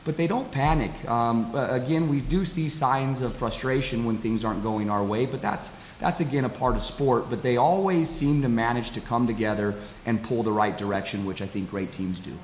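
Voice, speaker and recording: A middle-aged American man speaks as a coach in a post-game interview, halting and repeating words as he reasons. His voice sits at an average pitch in an echoey hall, with some hiss behind it. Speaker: college soccer head coach. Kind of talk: post-game interview answers at a press table. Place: press conference table with backdrop. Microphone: table stand microphone.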